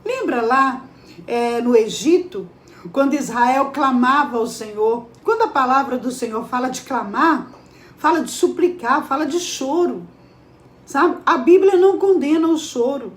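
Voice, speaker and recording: In an echoey room, this woman preaches devotionally at a measured pace, her high voice lively in intonation. She is emphatic and keeps putting rhetorical questions to her audience.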